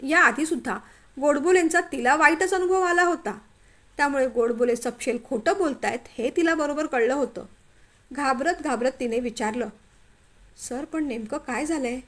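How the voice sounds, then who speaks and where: A woman narrates a scripted story with an expressive, measured delivery. Her voice sits notably high, and she reads steadily, line by line.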